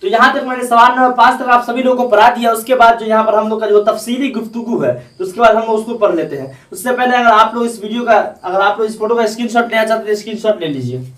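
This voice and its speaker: A man's voice: high voice, fast talker, a bit bright. A man teaching as an Urdu teacher, explaining exam answers and restating each line in simpler words. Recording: roomy, from a distance.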